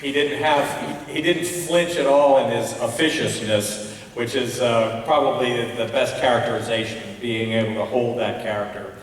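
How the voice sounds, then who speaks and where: Heard from a distance in a big, reverberant school hall, a male festival adjudicator delivers halting, informal feedback on plays at an awards ceremony, often searching for words. His pitch is medium, with slight background noise.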